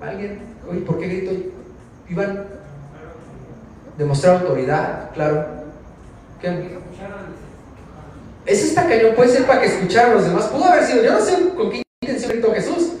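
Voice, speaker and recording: A man's voice: sits high, lively intonation, moderate pace, long pauses, a little mellow, far from the mic, slight background noise. A man with a Mexican accent preaching an informal sermon in a church, chatty and asking the congregation questions. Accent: Mexican Spanish. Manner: conversational, asks the congregation questions. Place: church hall. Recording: very echoey hall, voice from afar.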